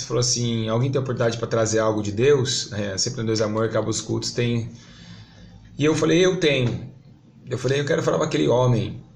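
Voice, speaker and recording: Gravelly-voiced Brazilian man giving testimony. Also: medium pitch, a little hiss or hum. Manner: earnest, storytelling, rising to fervent emphasis. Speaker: pastor. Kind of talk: testimony to a church audience.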